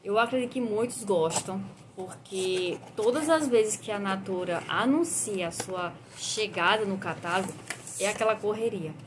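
A woman's voice: medium pitch, normal speed, noisy background. Chatty Brazilian woman perfume host. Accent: Brazilian Portuguese. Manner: chatty, frequent tag questions. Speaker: perfume reviewer hosting an Instagram live. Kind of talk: casual live-stream chat, greeting viewers and reviewing perfumes.

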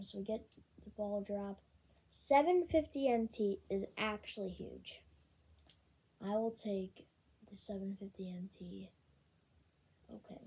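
Woman, casual game commentary, very breathy, slow and unhurried, mellow, chatty with lots of ums. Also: medium pitch. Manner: chatty, many ums, excited bursts over card pulls. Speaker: gaming channel host.

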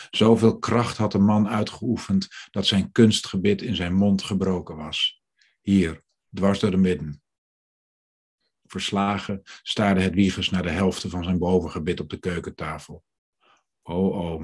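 Deep raspy guy reading his novel out loud, calm steady pace. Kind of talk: literary reading.

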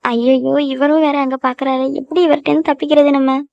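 Woman as an evasive cartoon girl, high hurried stammer, dull dry sound. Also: little pitch movement, vocal fry, darkish tone, no room sound. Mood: flustered. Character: young woman, flustered and evasive.

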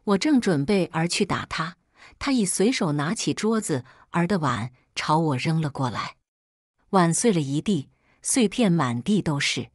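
Lively woman narrating a family drama. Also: deep voice, a little slow, no room sound, clean studio sound. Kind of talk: scripted first-person story narration.

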